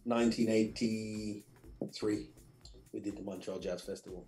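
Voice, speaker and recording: A middle-aged man from England, a radio show guest telling lively anecdotes with laughs and repeated phrases. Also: lowish voice, unhurried, echoey room, rough recording. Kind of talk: casual interview storytelling.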